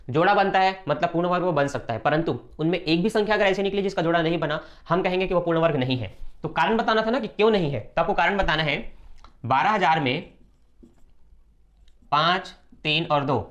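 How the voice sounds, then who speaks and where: A man teaching a math lesson step by step, brisk and repetitive, often checking that students follow. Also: fairly high pitch, fairly bright tone.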